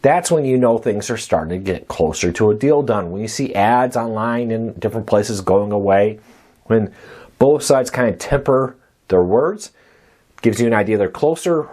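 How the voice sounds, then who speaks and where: A man hosting a news roundup show, talking in a brisk, conversational way, his voice still weak after a cold. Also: fairly low pitch, animated, darkish tone, breathy edge. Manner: brisk, conversational delivery with rising emphasis. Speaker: host.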